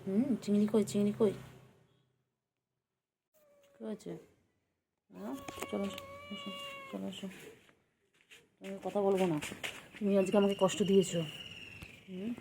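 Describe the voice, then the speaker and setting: A woman's voice: medium pitch, steady tone, a little slow, creaky, long pauses, mellow, a little hiss or hum, low-quality recording. A woman at home talking to her pet cats, calling, coaxing and mock-scolding them in baby talk. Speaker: pet owner.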